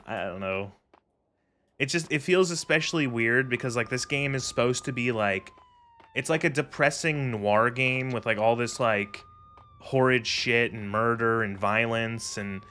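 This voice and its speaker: Bright-voiced man casually commenting on a game. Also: mid-range voice, unhurried, slight background noise. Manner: rambling, sweary. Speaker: video game streamer.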